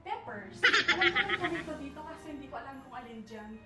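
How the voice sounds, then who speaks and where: Talking fast in a high, animated voice, a young woman gives a casual nighttime tour of her apartment for her vlog, rambling, hunting for words, and slipping into English. She sounds far from the mic, in an echoey room with faint music.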